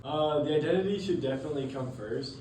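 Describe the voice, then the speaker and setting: Teen boy as a calm principled philosopher guy, warm low-key tone, echoey and far from the mic. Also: quick pace, lightly acted. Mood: earnest. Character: male philosopher John Locke, calm and principled. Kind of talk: school role-play interview. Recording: roomy, distant mic, faint noise.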